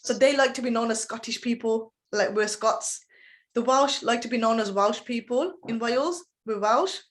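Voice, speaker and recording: Female trainer, slightly high voice, chatty explainer. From United Kingdom. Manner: chatty, explanatory, checks in with "okay?". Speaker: intercultural trainer. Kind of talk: online training presentation.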